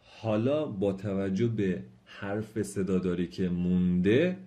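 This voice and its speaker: A man teaching a language lesson, explaining each point patiently and repeating example sentences slowly and clearly, in a polite, formal tone. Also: low-pitched, warm tone. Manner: polite and formal toward the viewers. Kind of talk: spoken lesson.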